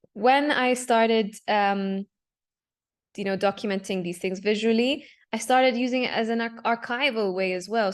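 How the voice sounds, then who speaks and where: A young adult woman, a digital artist from Palestine who grew up in Dubai, casually presenting her artwork on a video call with fillers and self-corrections. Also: medium pitch. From Palestinian, raised in Dubai. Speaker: panel speaker, digital artist.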